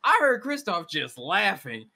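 A man's voice: high-pitched, big pitch swings, measured pace, creaky, sharp tone. A man in a casual, slangy livestream chat with friends, cursing freely in an amused, exasperated way. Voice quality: slangy, profane talk. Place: home setup, online group video call.

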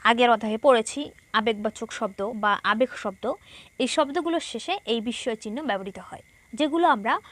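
A woman's voice: fairly high pitch, pushed and bright, no room sound. A woman teacher from Bangladesh explaining a textbook lesson, patiently repeating each point and asking herself questions.

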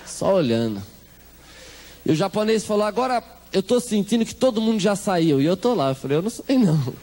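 A man's voice: high voice, very animated, a little fast, darkish tone. A man with a Brazilian Portuguese accent gives a humorous testimony to a congregation, acting out the voices of the people in his story. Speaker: church testimony speaker.

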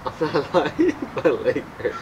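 A man's voice: fairly high pitch, huge pitch swings, takes it slowly, dull audio. A young American man bantering casually, complaining and nervous, in an informal vlog. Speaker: partner in a vlog challenge. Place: residential backyard, outdoors. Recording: distant, very noisy windy outdoor audio.

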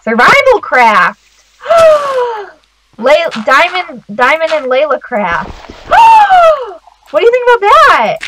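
A young-sounding woman in a casual gaming chat, giggling often and full of bubbly energy. Her voice sits a little high and moves freely up and down. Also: wildly swooping pitch, normal speed, few pauses, heavy background noise. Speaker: guest gamer.

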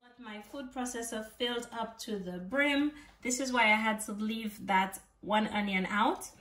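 A chatty woman with a fairly high voice walks viewers through a recipe in her home kitchen. She keeps checking in as she goes, and her voice is picked up from a distance in an echoey room. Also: measured pace, fairly bright tone, faint music behind. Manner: chatty, ends phrases with "okay?". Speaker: cooking channel host. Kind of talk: casual cooking tutorial. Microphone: off-camera camera mic, overhead framing.

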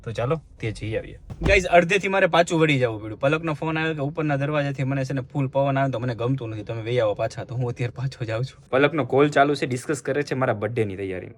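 Young male vlogger, rapid and chatty, talking straight to viewers. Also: medium pitch. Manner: chatty, addresses viewers directly. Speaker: family vlogger. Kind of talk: casual vlog talk to viewers.

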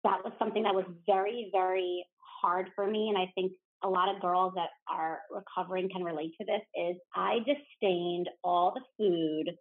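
A woman from New Jersey, a podcast guest chatting casually, talking freely with lots of "like" fillers. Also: lowish voice. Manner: chatty, fills speech with "like". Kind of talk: casual interview chat. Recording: tinny phone-like line.

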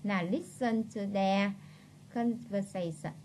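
A woman with a Southern Vietnamese accent runs a vocabulary lesson at a mid-range pitch. She drills each word by saying it over and over, slowing right down on the key ones. Her talk is peppered with friendly prompts that nudge the class along. A faint noise sits under her voice. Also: darkish tone. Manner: drills words by slow repetition, coaxing chatty tag words. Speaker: English teacher.

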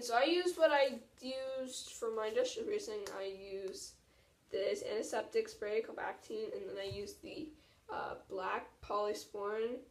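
Echoey young woman vlogging. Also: fairly high pitch. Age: teenager. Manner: informal, self-deprecating. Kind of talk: casual chat to camera. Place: small tiled washroom at home, indoors. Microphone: camera propped about arm's length away. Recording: echoey bathroom, distant mic.

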